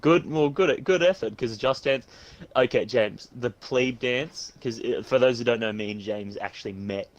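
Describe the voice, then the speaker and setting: A man's voice: mid-range voice, steady tone, moderate pace, dull audio. A tired young man from England co-hosting a casual sports podcast, laughing easily and stumbling over player names. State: tired, yawning. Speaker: podcast co-host.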